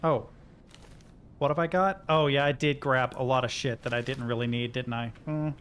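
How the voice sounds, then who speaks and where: An American game streamer from Kentucky provides casual livestream commentary, talking to himself as he plays and reading in-game notes aloud. His mid-range voice is a bit bright, moves at a moderate pace, and has slight background noise behind it.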